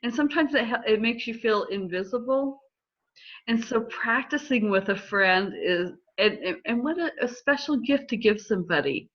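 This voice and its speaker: A middle-aged woman counselor explaining listening skills in a calm, measured way during a conversation. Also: fairly high pitch. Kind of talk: instructive conversation. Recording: slightly dull lo-fi audio.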